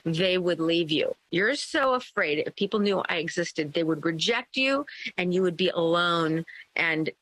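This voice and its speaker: A woman's voice: on the low side, expressive, a little slow, a bit bright, no echo, low-quality recording. A woman voicing her inner rageful twelve-year-old self within a story, an accusing girl figure.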